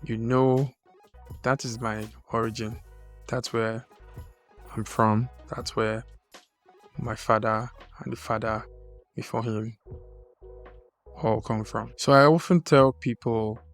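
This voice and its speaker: A man from Nigeria with a Nigerian accent, hosting his own podcast in a measured, deliberate way. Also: medium pitch, steady tone, faint music behind. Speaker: podcast host. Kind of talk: scripted solo podcast talk.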